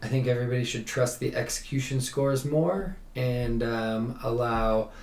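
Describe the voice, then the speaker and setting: On this echoey, roomy recording, a male cheerleading coach co-hosting a sports podcast talks casually through competition recaps and his own takes. He speaks at normal speed in a flat, medium-pitched, darkish voice, with a little hiss or hum underneath.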